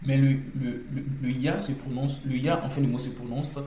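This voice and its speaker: A man's voice: mid-range voice, steady tone, normal speed, dark tone, roomy sound, poor audio. A man teaching a language lesson in French, explaining pronunciation rules step by step with frequent hesitations, repeating words to drill them.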